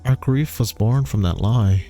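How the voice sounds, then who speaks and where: A man plays a grieving spirit of a father who presses with stern, measured questions. His voice is mellow and soft-edged, his delivery unhurried and heavy. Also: on the low side, soft background music. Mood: solemn, probing. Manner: slow, solemn, probing questions.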